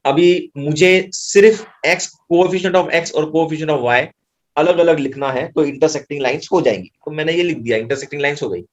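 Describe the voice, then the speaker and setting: Breezy Indian maths tutor, fairly high voice. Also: male voice, normal speed. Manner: breezy, reassuring, thinks aloud while writing. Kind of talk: explaining maths problems.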